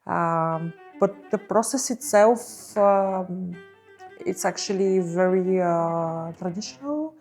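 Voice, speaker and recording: A woman from Bulgaria, probably in her thirties, speaking as a visual artist in an interview, slow and searching, with many fillers and pauses. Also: fairly low pitch, a little mellow, faint music behind. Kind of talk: reflective interview talk.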